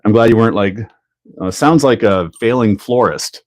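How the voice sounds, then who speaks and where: A Canadian man with a fairly low voice chats casually through a live build stream, laughing easily as he answers viewers. The sound is dry, with no room echo. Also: normal speed, a little mellow. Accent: Canadian English. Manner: chatty, laughs often, answers viewer chat.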